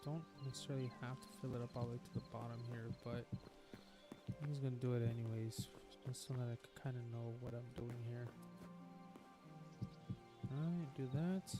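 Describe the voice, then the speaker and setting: Over game music, a man plays a building game and keeps up rambling, cheerful streamer commentary, interrupted again and again by a lingering cough. He has a medium-pitched voice, talks a little fast and leaves long pauses.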